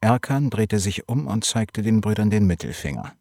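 A man narrating a novel in an audiobook reading, with steady, measured storytelling and a husky voice. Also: fairly low pitch, dry recording, studio quality.

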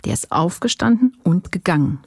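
A worn-out man answers his interrogators in weary, defensive bursts, with a gravelly rasp in the voice, as a narrator reads him. The sound is close and dry. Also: mid-range voice, lively intonation, moderate pace, no echo. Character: exhausted, cornered male informant under interrogation.

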